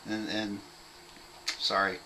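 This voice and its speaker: A young man casually teaching a bass part at home, rambling, apologizing and laughing at himself as he counts out beats. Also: flat delivery, takes it slowly, sharp tone, slight background noise, low-quality recording. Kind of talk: casual home video lesson.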